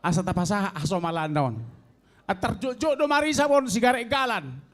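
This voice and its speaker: A man in his sixties with a Toba Batak accent, telling a comic story in a slow, drawn-out way to an audience of elders. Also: high-pitched, expressive, fairly bright tone. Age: 60s. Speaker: elderly stand-up contestant. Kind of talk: stand-up comedy storytelling.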